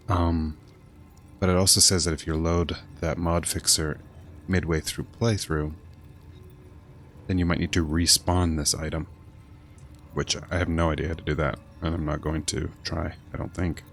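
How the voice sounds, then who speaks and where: This man's voice sits low with a slight brightness. He's a game streamer offering casual live commentary on his gameplay, rambling and thinking out loud.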